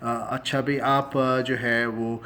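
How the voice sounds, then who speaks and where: Male English teacher from Pakistan, mid-range voice, relaxed chatty delivery, slows down to stretch the examples. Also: mid-range voice. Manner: explains in Urdu, slows down and stretches English phrases for emphasis; chuckles often, conversational with many fillers. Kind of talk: casual spoken lesson.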